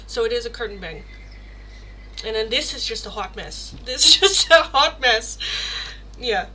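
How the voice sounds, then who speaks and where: A woman's voice: fairly high pitch, lively intonation, moderate pace, background noise. A woman in her thirties hosting a casual live stream, chatting with viewers and answering their questions. She jokes about herself, laughs often and swears casually. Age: 30s. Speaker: tarot livestream host.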